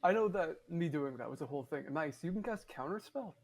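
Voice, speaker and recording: Higher-voiced male tabletop player. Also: animated, fairly quick. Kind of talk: tabletop role-play chat.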